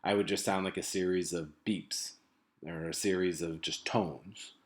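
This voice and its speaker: Deep-voiced man giving a halting recorded lecture. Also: steady tone. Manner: casual, halting, many ums and restarts. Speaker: teacher. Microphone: laptop microphone.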